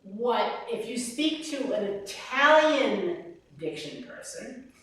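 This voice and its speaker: Woman vocal coach, unhurried, demonstrative, recorded from across a very reverberant room. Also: fairly high pitch, slight background noise. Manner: animated, demonstrates sounds and sung lines. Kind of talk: master class teaching. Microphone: distant room mic. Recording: very echoey room from far off.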